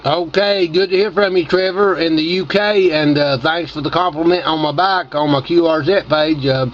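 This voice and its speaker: Male radio hobbyist host, casual chat, somewhat high voice, slightly muffled and lightly noisy recording. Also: moderate pace. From Tennessee, United States. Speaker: amateur radio operator and video host. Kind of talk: casual ham radio chat and video commentary. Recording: dull audio with faint noise.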